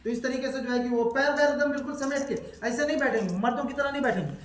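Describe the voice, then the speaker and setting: A man teaching step by step how to pray, repeating points, asking his student questions, and chanting the prayers slowly. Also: extremely high pitch. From India. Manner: slow melodic chanting of prayers. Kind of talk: step-by-step prayer lesson with recitation. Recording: echoey room, voice from far off.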